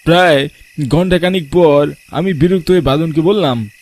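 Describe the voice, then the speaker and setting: A young man narrating a first-person ghost story in a tense, hushed way. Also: on the high side, moderate pace.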